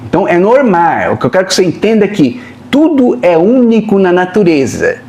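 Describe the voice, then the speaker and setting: A man's voice: sits high, sing-song, fairly quick, darkish tone. A Brazilian man acting as a medium who channels a spirit teacher. He speaks in a colloquial, chatty way and keeps tagging his lines with "né?". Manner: acts out other people's voices in quotes. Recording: roomy echo.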